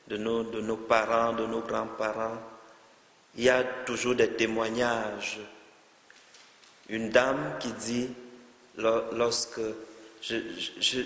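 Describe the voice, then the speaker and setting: A man's voice: medium pitch, fairly bright tone, roomy sound, in a large hall. A man, a priest, giving an interactive Bible teaching, asking his listeners questions and repeating words as he goes.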